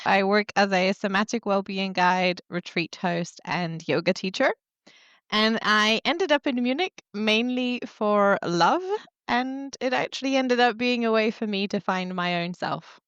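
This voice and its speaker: A Polish-born woman in her thirties, raised in England, works as a yoga teacher and wellness coach and answers interview questions as a guest, sharing her personal story openly and reflectively with small laughs. Her mid-range voice is fairly bright, clear and resonant, and she speaks a little slowly. The recording has no echo but sounds dull.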